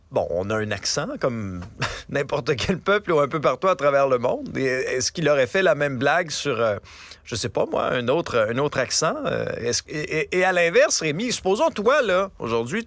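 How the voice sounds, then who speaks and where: A man with a Quebec French accent hosting a talk radio show, asking pointed questions in quick bursts. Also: fairly high pitch, fairly bright tone, no echo. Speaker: radio host.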